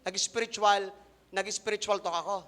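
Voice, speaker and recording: A man preaching a Sunday sermon, telling his own testimony to the congregation, swinging between quiet asides and loud emphatic lines. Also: high voice, fairly even intonation, normal speed. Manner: addresses congregation directly, mixing in English phrases.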